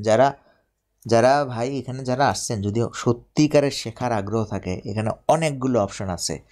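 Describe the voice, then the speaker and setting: A man teaching English grammar in a live online lesson, explaining slowly and repeating himself while checking that viewers follow. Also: mid-range voice, darkish tone. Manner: repetitive, explains step by step, asks viewers to confirm.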